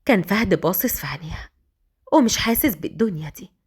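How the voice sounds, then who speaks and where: Expressive Egyptian woman storyteller. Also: mid-range voice, fast, breathy edge. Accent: Egyptian Arabic. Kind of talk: romance story narration.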